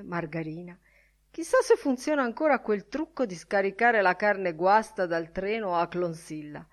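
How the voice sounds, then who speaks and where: A woman narrating a literary audiobook in a calm, varied reading. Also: lowish voice.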